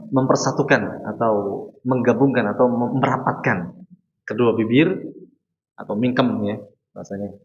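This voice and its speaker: A man teaching Quran recitation at a mosque study session. He explains step by step, asks questions and answers them himself, and demonstrates each sound. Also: medium pitch. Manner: chants sample verses slowly. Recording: roomy, echoey, dull lo-fi mosque recording.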